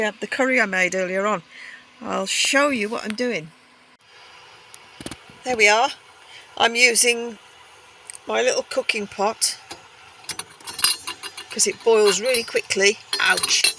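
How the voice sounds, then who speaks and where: A woman's voice: on the high side, a little slow, pauses often, bright, forceful tone, slight background noise. A woman chatting casually to camera as she cooks in a heated tent, thinking aloud as she goes. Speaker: camping cooking vlogger. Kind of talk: casual cooking chat to camera. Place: inside a heated stove tent.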